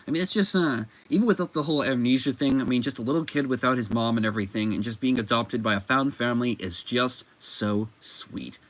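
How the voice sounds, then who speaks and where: A man's voice: mid-range voice, fairly quick, hardly any pauses, fairly bright tone. A man giving casual commentary as a comic book reviewer, rambling with frequent fillers and self-corrections.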